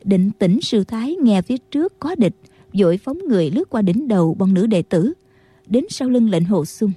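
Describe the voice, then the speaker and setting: Woman narrator, husky and mellow, fairly high, dry close mic, steady audiobook storytelling. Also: normal speed, no echo. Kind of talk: scripted narration.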